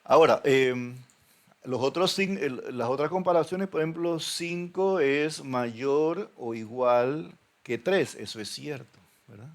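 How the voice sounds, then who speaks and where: A man teaching a programming class, explaining step by step with many pauses and frequent checks that students follow. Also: mid-range voice. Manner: hesitant, many fillers and restarts, checks in with "¿ven?". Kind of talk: recorded classroom lecture.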